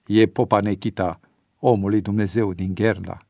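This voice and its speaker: A man's voice: lowish voice, steady tone, vocal fry, warm tone, no echo. Plain-spoken storybook prisoner, read by a man, dry close sound. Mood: friendly. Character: prisoner man, warm and friendly.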